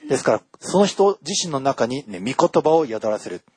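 A man preaching a sermon, emphatic and drawn out, often pausing on short tag words. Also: mid-range voice, big pitch swings, darkish tone, husky, no echo. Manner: emphatic, drawn-out phrasing with frequent tag particles.

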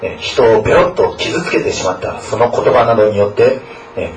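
A man's voice: fairly low pitch, normal speed, noisy background. A man, a school chaplain, praying and preaching to students in an earnest way, often adding a questioning tag to his sentences. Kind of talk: scripture reading, prayer and sermon. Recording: echoey room, distant mic.

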